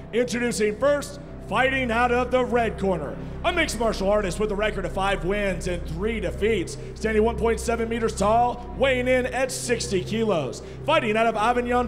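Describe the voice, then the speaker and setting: A man making formal fight introductions as a ring announcer, booming and drawing out the fighters' names. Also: big-room sound.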